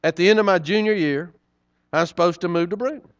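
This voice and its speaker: A middle-aged man tells stories in a folksy, conversational sermon, often turning to address the congregation. His voice sits high at a quick pace, with no echo on a lo-fi recording.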